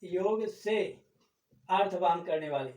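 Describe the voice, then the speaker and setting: A man's voice: high voice, slow, a little mellow, recorded from a distance. A man teaching Hindi grammar. He explains step by step, repeats the key terms and keeps asking questions that he answers himself. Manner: asks the class questions and answers them himself. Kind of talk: classroom-style lesson. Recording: echoey room, voice off-mic.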